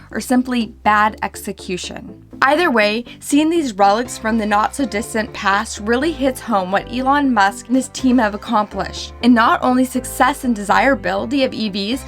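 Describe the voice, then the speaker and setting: A woman's voice: fairly high pitch, fairly bright tone. A woman hosting a car vlog, narrating in an upbeat, sincere way. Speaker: vlog host. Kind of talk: scripted narration.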